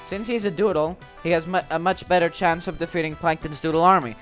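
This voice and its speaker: A man's voice: fairly high pitch, fairly even intonation, fast, a bit bright, faint music behind, lightly acted. A man voicing an earnest, determined young cartoon hero, reading out dialogue from a game.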